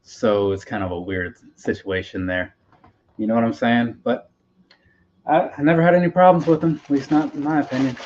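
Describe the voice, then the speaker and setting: A man's voice: mid-range voice, steady tone, normal speed, a little mellow. A man chatting casually on a live stream as he unpacks his purchases, rambling and talking to himself. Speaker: collector vlogger. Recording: slightly dull lo-fi audio with faint noise. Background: faint pop punk playlist.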